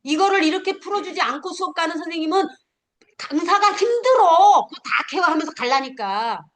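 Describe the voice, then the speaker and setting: A middle-aged woman teaching a class of future smartphone instructors, animated, acting out learners and firing off questions. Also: very high-pitched, fast talker. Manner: animated, acts out learners and scolding, punchy questions. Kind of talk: lively classroom lecture.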